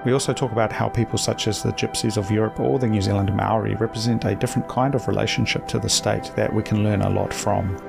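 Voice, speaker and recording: A male podcast host with a low voice that keeps a gravelly fry. He talks in a relaxed, unhurried way, loose and casual, with the odd swear. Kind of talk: casual conversational interview.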